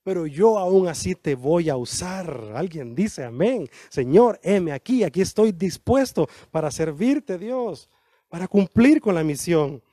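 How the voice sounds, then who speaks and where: Male preacher, high but mellow voice, dry close sound, animated sermon delivery. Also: no echo. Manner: animated preaching, acting out quoted dialogue with slow emphatic lines.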